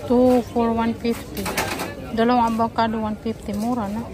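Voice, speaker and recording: A woman's voice: a little high, little pitch movement, normal speed, poor audio. A woman from the Philippines filming a casual shopping vlog, chatting along as she browses shops and a street market. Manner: chatty running commentary, calls companion "Day". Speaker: vlogger. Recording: crowd noise around. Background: crowd chatter.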